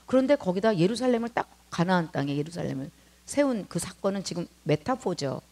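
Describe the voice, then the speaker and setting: A woman's voice: fairly low pitch, brisk, creaky. A middle-aged woman preaching a sermon as a mission leader, talking colloquially and animatedly, often checking in with her listeners. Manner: colloquial and animated, peppered with tag questions to the congregation.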